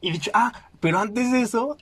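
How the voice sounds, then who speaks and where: A young man with a Mexican Spanish accent, telling a funny personal story in a casual, animated way. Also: extremely high pitch, fairly quick, husky. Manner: animated, acts out quoted voices, frequent fillers. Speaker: podcast host.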